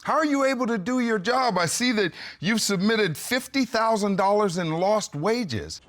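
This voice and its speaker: A man's voice: high-pitched, animated, normal speed, a bit bright. A man presiding as a TV court judge, questioning people in a probing, controlled way.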